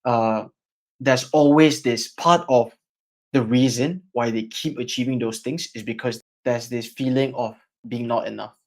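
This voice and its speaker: A man's voice: mid-range voice, steady tone, a little slow. A man interviewing a guest in an informal, conversational way. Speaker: podcast interviewer.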